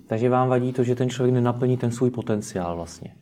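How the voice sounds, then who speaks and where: A man with a mid-pitched voice conducts an interview. He asks probing follow-up questions to draw out more detail from his guest. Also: mellow, a little hiss or hum.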